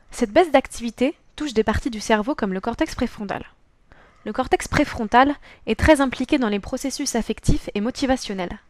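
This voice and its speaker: A woman's voice: mid-range voice, darkish tone, no room sound. A teenage girl from France narrating a scripted school presentation, reading a prepared text carefully and evenly. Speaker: student presenter.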